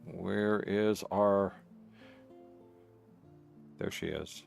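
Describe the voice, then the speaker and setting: This man speaks extremely slowly in a low, steady voice with vocal fry. He's hosting a livestream, rambling through casual commentary on the video game he's playing and partly talking to himself, with game music in the background.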